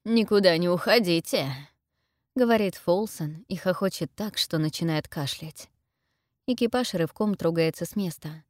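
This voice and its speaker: A young adult woman narrating a first-person story as an audiobook reader, in a steady, measured way. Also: fairly low pitch, no room sound, clean studio sound.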